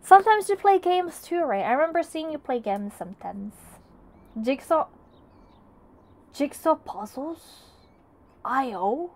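Young woman, craft streamer; relaxed, unhurried chat with viewers, slightly high pitch. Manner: chatty, greets and answers chat, frequent restarts. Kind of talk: casual live-stream chat while crafting.

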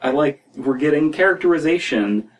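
This young American podcast host riffs on stories in a rambling, casual way, full of "like" and "you know." His voice sits on the high side with lively intonation at a normal speed. The distant mic catches room noise in his small home room.

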